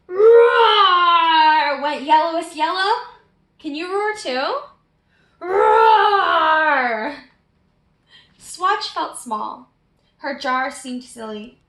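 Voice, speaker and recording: Extremely slow and full of long pauses, a woman's animated, fairly bright high voice carries a picture book reading for young children. She draws them in with questions, and the space sounds roomy and echoey.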